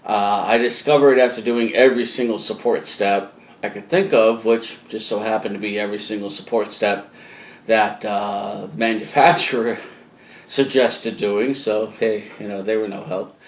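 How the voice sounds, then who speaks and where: A man's voice: lowish voice, fairly even intonation, normal speed. A man with a New England accent talking casually to a camcorder at home, rambling and chatty with lots of fillers and asides. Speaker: musician video blogger. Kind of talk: casual talk to camera. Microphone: camcorder microphone. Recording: roomy echoey room.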